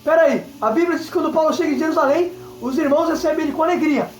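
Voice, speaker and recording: A man with a Brazilian Portuguese accent preaching a fervent Pentecostal sermon, often repeating catchphrases and shouting praise. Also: very high-pitched, very fast. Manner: fervent, repeats "entenda isso aqui", exclaims aleluia. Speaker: evangelist preacher. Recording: echoey room with faint music. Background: faint music.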